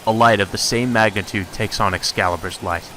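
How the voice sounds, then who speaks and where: A man does a let's play of a visual novel, reading it aloud and breaking off for crude, irreverent, sweary asides. His voice is fairly low and steady, his delivery brisk, and the background is noisy.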